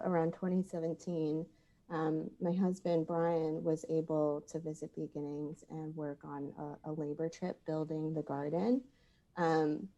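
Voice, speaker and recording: Low mellow-voiced woman in her thirties. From Thailand. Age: 30s. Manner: earnest, measured, many "um" pauses. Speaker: guest. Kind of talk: podcast interview.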